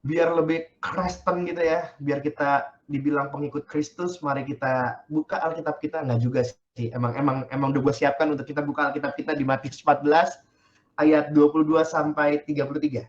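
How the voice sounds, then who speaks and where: A male pastor preaches in relaxed slang, joking with his listeners between scripture readings. His voice sits high for a man, and the dull, lo-fi sound softens it. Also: a little fast. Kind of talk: casual youth sermon.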